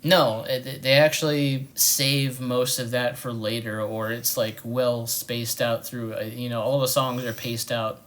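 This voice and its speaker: A man's voice: mid-range voice, level tone, a little slow, few pauses, fairly bright tone. A man co-hosting a film review, talking in casual, hesitant chat with lots of filler words.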